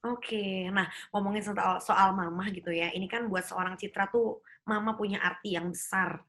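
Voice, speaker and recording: A woman hosting a casual interview, asking friendly questions and giving quick backchannels. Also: mid-range voice, steady tone, a bit bright. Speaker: interview host.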